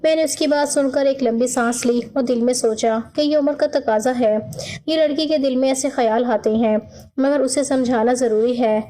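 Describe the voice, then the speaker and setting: A woman telling a first-person story in scripted narration, with an even, measured delivery. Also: high-pitched.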